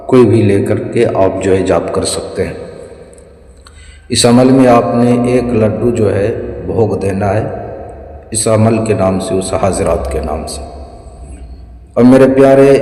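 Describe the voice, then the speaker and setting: A man with a low, dark-toned voice walks listeners through a ritual step by step. He speaks slowly and repeats himself, often calling them "my dear". His voice rings in a room with a long, echoing reverb. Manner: slow, repetitive, addresses listeners as "my dear". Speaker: channel host teaching occult rituals. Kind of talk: instructional monologue.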